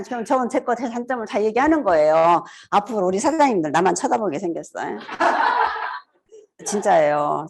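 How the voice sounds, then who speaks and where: Animated woman in her fifties. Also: a little high. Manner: animated, acts out greetings, laughs often. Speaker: seminar speaker. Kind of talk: casual seminar talk.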